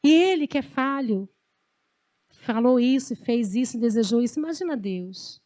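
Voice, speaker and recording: Brazilian woman preacher, high voice, dry close sound, chatty and animated sermon delivery. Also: normal speed, no echo. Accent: Brazilian Portuguese. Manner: conversational, animated storytelling preaching.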